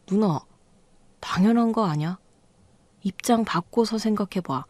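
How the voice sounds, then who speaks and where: A woman's voice: medium pitch, a little slow, darkish tone, no room sound, natural voice. A woman doing a curt, mocking younger brother. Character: blunt, sarcastic younger brother. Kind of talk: storytelling radio reading.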